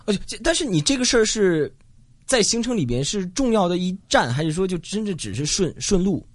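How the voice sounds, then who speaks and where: Quick, animated, bantering male interviewer. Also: high voice, no echo, studio quality. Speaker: interviewer, host. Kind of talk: casual chatty interview.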